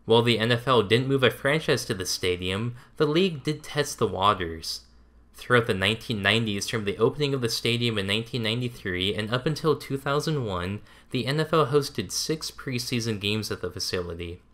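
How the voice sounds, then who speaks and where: A man reading scripted documentary narration in an even, measured way. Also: mid-range voice.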